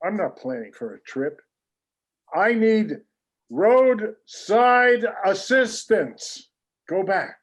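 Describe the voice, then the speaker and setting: A weary old watch repairman grumbles through his days with slow, sarcastic complaints, as a man reads him. His pitch sits a touch high for a man and swings widely between mutters and outbursts. He sounds put-upon and short on patience. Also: expressive, a little mellow. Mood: exasperated. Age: older. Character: grumpy aging male watch repairman, weary. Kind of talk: script reading.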